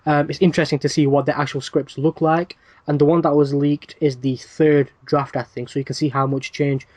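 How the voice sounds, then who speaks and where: A man's voice: fairly high pitch, little pitch movement, fairly quick, darkish tone, no room sound. A man hosting a wrestling podcast, reading news items in a casual rundown with dry asides and plenty of "uh" fillers.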